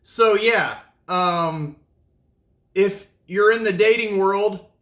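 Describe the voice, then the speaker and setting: A man's voice: sits high, slow pace, fairly bright tone. A man hosting his own vlog in a casual, upbeat, chatty way, talking straight to viewers while snacking. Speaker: vlog host and DJ. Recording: echoey room.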